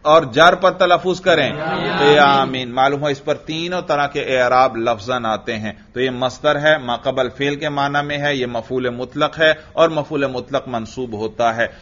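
A man's voice: medium pitch, few pauses, fairly bright tone. A male teacher leading a classroom grammar drill, asking questions and answering them himself, chanting the parsing in a sing-song. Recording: dull lo-fi sound.

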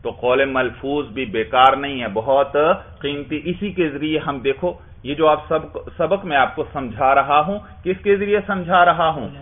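In a tinny, phone-like recording, a man lectures a class step by step, posing questions to his students and answering them himself. His voice is fairly high with few pauses, and he often drops in "bhai".

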